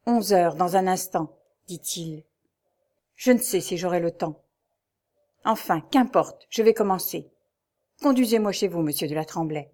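A woman voicing a haunted middle-aged nobleman who speaks in a sombre, halting way, in an audiobook reading. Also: lowish voice, warm tone. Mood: grave.

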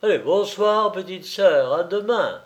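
A man reading a novel aloud, voicing an eager young male illustrator with lively, emphatic delivery. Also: on the high side, measured pace. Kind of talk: audiobook character reading.

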